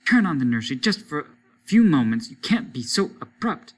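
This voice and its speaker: A man voicing a weary middle-aged mother who talks in a soft, sighing, pleading way. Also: on the high side, very animated, brisk, voice pushed up.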